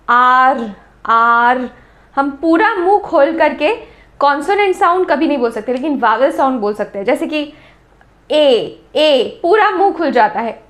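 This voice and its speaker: A woman with an Indian accent teaching English grammar, explaining slowly and repeating sounds and words to demonstrate them. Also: high voice. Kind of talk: classroom-style lesson explanation.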